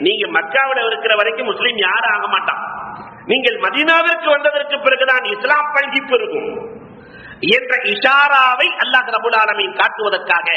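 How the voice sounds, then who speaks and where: A man preaches a sermon in a very high voice. His words ring through a large echoing hall, and the recording sounds dull and lo-fi. He repeats phrases for weight and speaks to his listeners as beloved. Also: normal speed, sharp tone. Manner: repetitive orator, addresses listeners as beloved.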